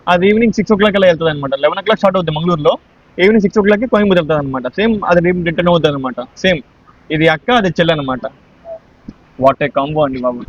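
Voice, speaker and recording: A man's voice: very fast, dry recording. A man chatting enthusiastically as he vlogs a train journey, recorded on a phone inside the moving carriage. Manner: chatty, enthusiastic, mixes English words into his talk. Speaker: train travel vlogger. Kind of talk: casual on-train vlog narration. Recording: dull lo-fi phone audio with train rumble. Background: train noise.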